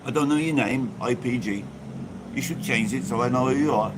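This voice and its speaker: On a very noisy recording, an English vlogger talks briskly in a medium-pitched voice. He's hosting a bubbly, casual phone live stream outdoors with a church behind him, phone held in front, reading out viewer comments.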